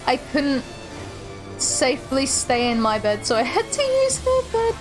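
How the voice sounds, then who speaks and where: A woman's voice: high voice, big pitch swings, measured pace, over music, poor audio. A young woman streaming a game, chatting casually and self-deprecatingly with friends on a call. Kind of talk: casual chat while streaming.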